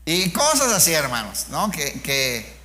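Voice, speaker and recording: A man's voice: a little high, huge pitch swings, unhurried, bright, forceful tone, slight background noise. A middle-aged man, preaching an informal sermon with personal testimony, speaking conversationally and asking his listeners rhetorical questions.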